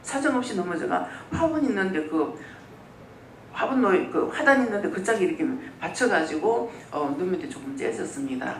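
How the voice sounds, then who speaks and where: Preacher telling stories in a sermon, pitch all over the place, roomy church sound, faint rumble behind. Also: normal speed, distant mic. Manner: lively storytelling, acts out quoted speech. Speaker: pastor. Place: church sanctuary.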